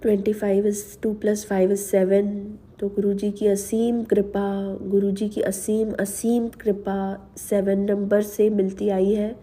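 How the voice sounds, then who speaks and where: A woman with a slightly sore throat, slowly and earnestly telling a devotional testimony to her listeners, mixing English words into her Hindi. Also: mid-range voice, warm tone. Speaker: devotional channel host. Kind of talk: personal testimony to a spiritual audience.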